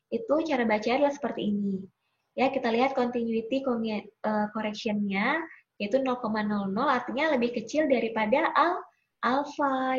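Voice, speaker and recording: A woman lecturer patiently walking students through a statistics software tutorial, often checking in with them. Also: a little high, muffled recording. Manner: patient, addresses listeners politely, frequent "ya" checks. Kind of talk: screen-recorded software tutorial.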